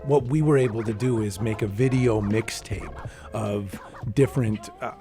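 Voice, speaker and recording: Male organizer narrating, raspy fry, halting and reflective. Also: lowish voice, over music. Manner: halting, thoughtful.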